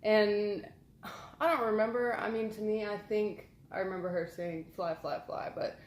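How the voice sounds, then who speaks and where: A woman's voice: mid-range voice, moderate pace, a little hiss or hum. A woman, chatting casually for her vlog in a rambling, filler-heavy, amused way. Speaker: vlogger. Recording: roomy echo.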